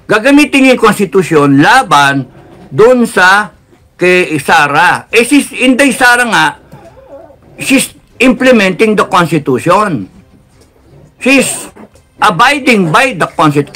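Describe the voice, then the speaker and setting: A man with a Filipino accent giving a heated political rant, mixing Tagalog and English, swinging from loud outbursts to low, controlled intensity. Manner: heated, swings between shouting and lowered intensity. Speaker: political commentator.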